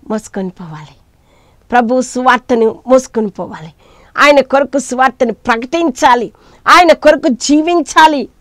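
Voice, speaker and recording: A woman preaching a sermon who rises to loud emphatic peaks and drops to soft appeals, speaking to listeners as her beloved children. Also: mid-range voice, no echo.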